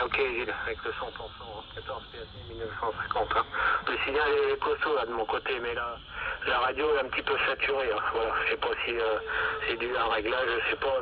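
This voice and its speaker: Man, CB operator heard over a walkie-talkie, dull lo-fi sound with strong static, relaxed radio chatter full of fillers. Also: mid-range voice. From France. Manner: unhurried, full of fillers and call-sign spelling. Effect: heard through a handheld walkie-talkie receiver. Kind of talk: casual radio contact with call signs.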